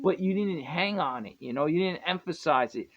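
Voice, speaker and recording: A man's voice: a little high, lively intonation, normal speed. A man teaching guitar in a casual, rambling way, often correcting himself and chuckling. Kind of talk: casual music lesson. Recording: dull lo-fi with guitar playing.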